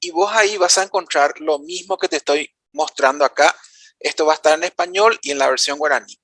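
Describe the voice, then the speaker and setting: Paraguayan guy giving a conference talk, fairly high voice, dry sound, chatty and walks you through it. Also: fairly quick, sharp tone, no room sound. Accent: Paraguayan Spanish. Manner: informal, addresses audience with vos, explains step by step. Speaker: conference presenter. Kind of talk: conference presentation. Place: conference room.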